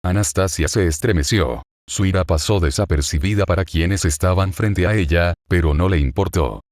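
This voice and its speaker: A man narrating a fan fiction story aloud in a steady, dramatic reading. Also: low voice, normal speed, no echo, clean studio sound.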